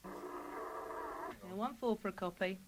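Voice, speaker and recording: A woman heard over CB radio, giving brisk operator jargon in short replies. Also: mid-range voice. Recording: static-filled CB radio.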